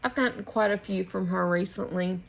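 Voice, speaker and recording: An American woman showing her needlework at home in a relaxed, meandering way with pauses and restarts. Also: mid-range voice, gravelly. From United States. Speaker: flosstube host. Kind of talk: casual show-and-tell chat.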